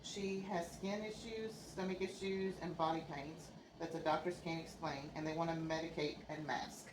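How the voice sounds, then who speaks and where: A woman with a slightly low voice reads questions as an interviewer. The room is echoey, with clear background noise around her. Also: steady tone, moderate pace. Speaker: interviewer relaying viewer questions. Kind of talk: plain question reading. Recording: noisy, echoey room, far from microphone.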